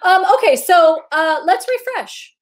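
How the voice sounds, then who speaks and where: A woman's voice: very high voice, expressive, unhurried. A woman hosting a casual live-stream chat, bubbly and giggly, rambling with lots of fillers. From Indiana, US. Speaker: host.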